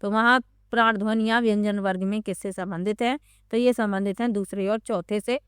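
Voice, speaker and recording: A woman's voice: medium pitch, steady tone, normal speed, clear, resonant tone, no echo, clean studio sound. A woman teacher going through exam questions one by one, reading out the options and then explaining the right answer.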